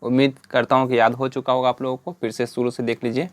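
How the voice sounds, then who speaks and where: A man's voice: medium pitch, level tone, quick pace, no echo. Dry-voiced male teacher drilling a lesson. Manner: patient, repeats "है ना" and "ठीक है" often; spells out letters and drills lists step by step. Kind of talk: whiteboard lesson.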